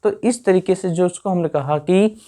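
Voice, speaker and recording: A man's voice: high-pitched, moderate pace, mellow. A man with an Indian accent teaching an English grammar lesson. He keeps checking that his listeners follow, repeats key words and answers his own questions, and stretches out the English examples.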